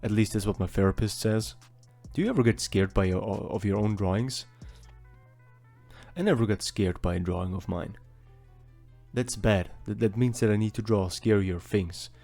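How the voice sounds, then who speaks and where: A young artist vlogger from Austria, a native German speaker, gives a casual voice-over while drawing, rambling, chatty, and poking fun at himself. His voice is low, soft, and mellow, at normal speed with vocal fry, and faint music plays beneath.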